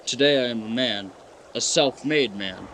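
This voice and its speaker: A man's voice: medium pitch, moderate pace, a bit bright, slight background noise, natural voice. A man playing a proud, ambitious young businessman and suitor in a radio play, formal and self-assured. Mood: defensive, proud. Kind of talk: live-audience radio play acting.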